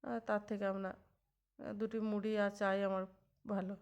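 A woman's voice: medium pitch, flat delivery, normal speed, smooth. A woman in her thirties chatting in a homely, rambling way as she narrates a cooking vlog in her home kitchen. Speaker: housewife vlogger.

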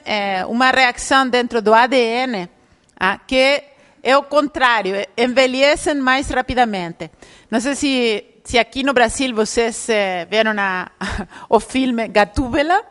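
A woman's voice: a little high, a bit bright. A woman giving a public lecture, explaining step by step and often checking in with her audience. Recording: reverberant lecture hall.

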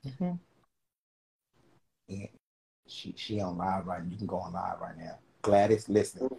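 A man in casual comedic banter, gossiping in a low murmur and drawing out his words. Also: gravelly, a little mellow, slightly rough, rough recording.

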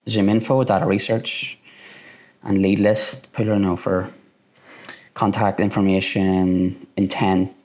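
A sales director in his thirties with an Irish accent answers interview questions on a video call from a room at home by a window. He talks fast, repeats himself and restarts often, in a low, level, darkish voice. He wears headphones, and the call audio is dull and lo-fi.

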